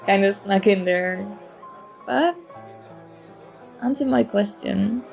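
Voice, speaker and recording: Using a full character voice, a woman with a medium-pitched, creaky voice performs an ASMR roleplay as a flirtatious stranger at a party bar. She's playful, coy, teasing and mock-apologetic in this one-sided conversation, with music and crowd noise in the background.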